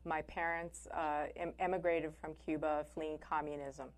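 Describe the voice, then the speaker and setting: A woman's voice: sits low, flat delivery, moderate pace. A woman attorney, a native Spanish speaker, speaking as an interview guest, polite with frequent fillers. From Puerto Rico, raised in Miami.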